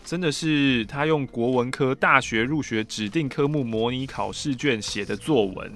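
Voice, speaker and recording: A man's voice: medium pitch, normal speed, a bit bright. A man co-host with a Taiwanese Mandarin accent, chatting casually and dropping dry, teasing asides. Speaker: podcast co-host. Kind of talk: casual chat.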